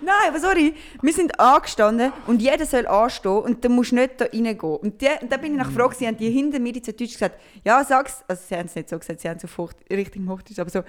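A young woman with a Swiss German accent, chatting casually and telling lively anecdotes full of acted quotes. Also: fairly high pitch, rapid-fire, hardly any pauses. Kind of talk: casual chat, storytelling.

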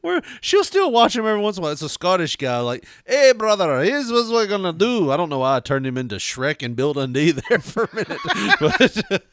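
A man's voice: on the high side, very animated, fast, few pauses, no echo, studio quality. A man co-hosting a casual podcast, trading crude jokes, laughing often and slipping into silly voices. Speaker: podcast co-host.

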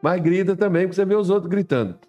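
Um homem pregando um sermão informal com humor, conversando com a congregação e imitando vozes de fiéis. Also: male voice, high voice, quick pace, dark tone, faint music behind. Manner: chatty, acts out voices of churchgoers; directs someone to put up Bible verses. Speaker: preacher. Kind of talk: informal sermon with humorous asides.

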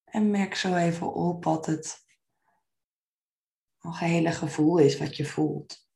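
This is a slow, soft, soothing guided meditation from a woman with a low, very steady voice. She takes her phrases gently and without rushing, letting them trail into a creaky edge.

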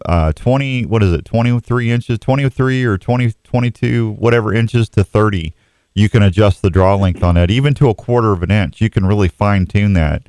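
A man's voice: on the low side, a little mellow, clean tone, no room sound, clean studio sound. A man hosting an outdoors radio show, chatting casually and jokingly with callers in a folksy way. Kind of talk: casual live sports radio chat with callers. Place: radio studio. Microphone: close studio microphone.

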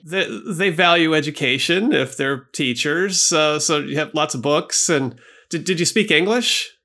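A man hosting a podcast, reading sponsor spots and then chatting with his guest in a relaxed way. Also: fairly high pitch. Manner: brisk ad reading, relaxed chat with fillers. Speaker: podcast host. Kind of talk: read ads, then casual interview.

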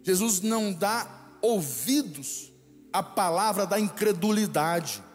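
This bishop's sermon comes from a man with a Brazilian Portuguese accent and a high-pitched, animated voice that moves slowly. He is emphatic, repeating lines for the congregation to echo, in an echoey hall where faint music plays.

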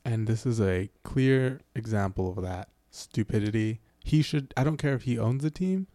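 A man's voice: medium pitch, normal speed, mellow, no room sound. A man co-hosting a casual talk show, laughing often and riffing with profanity. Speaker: podcast co-host. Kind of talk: casual chat.

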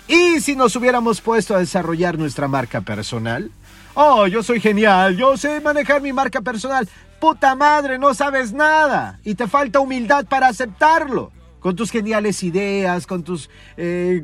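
A man's voice: high-pitched, a bit bright. A man hosting a podcast, delivering a profane, scolding motivational rant and mocking his listeners. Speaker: podcast host. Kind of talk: ranting motivational monologue.

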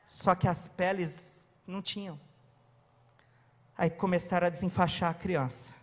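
High-voiced preacher booming through a hall. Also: male voice, measured pace. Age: 40s. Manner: animated storytelling, breaks into shouts. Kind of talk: sermon. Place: church. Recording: long church reverb.

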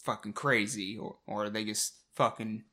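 A man's voice: fairly low pitch, fairly even intonation, unhurried, bright, forceful tone. A man co-hosting a casual comedy podcast with an Oklahoma accent, laughing often and swearing freely as he talks. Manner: laughs a lot, swears casually, restarts sentences. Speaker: podcast co-host.

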